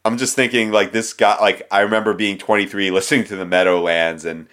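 Man, very low voice, rambling, self-deprecating, podcast co-host. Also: steady tone, a little fast, a bit bright, clear, resonant tone. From United States. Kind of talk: casual chat.

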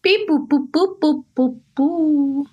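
A woman doing a squeaky beeping robot. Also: slow, mellow, muffled recording. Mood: playful. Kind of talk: podcast panel banter.

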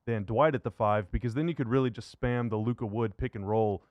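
Talking a little fast in a medium-pitched voice, a man hosts a sports radio show with an upbeat intro and casual basketball interview. The recording is dry, with the high frequencies cut off.

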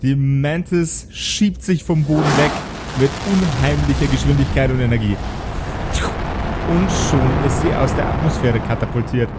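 A man acts as game master in an improvised tabletop audio play, feeling his way through the descriptions he narrates. His voice is mid-range at a moderate pace, and the recording has clearly noisy background.

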